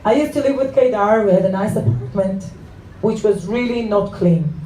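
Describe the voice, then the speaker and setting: A woman comedian telling stand-up stories on stage in an animated way, laughing through her punchlines. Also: mid-range voice, normal speed, recorded from a distance. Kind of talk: stand-up storytelling. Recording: echoey room with faint noise.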